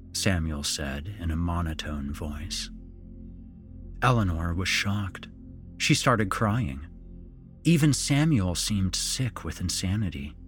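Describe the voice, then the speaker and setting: Deep slow-talking male horror narrator. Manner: slow, dramatic, measured delivery. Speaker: storyteller.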